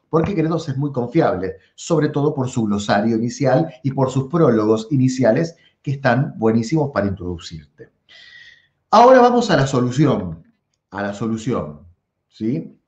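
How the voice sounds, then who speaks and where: A man's voice: medium pitch, roomy sound, highs cut off. A man with a Rioplatense Spanish accent giving an online philosophy lesson, drawing out key words for emphasis and checking in with "¿sí?" and "¿tá?". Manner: animated, drawn-out emphatic stresses, frequent "¿sí?" and "¿tá?" check-ins. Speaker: philosophy teacher. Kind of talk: online lecture.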